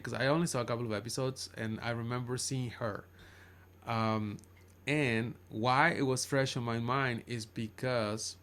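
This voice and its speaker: Speaking English with a Chilean accent, this native Spanish-speaking streamer talks off the cuff in a casual livestream monologue. He rambles and keeps doubling back to fix what he said, his mid-range voice carrying a fairly bright tone.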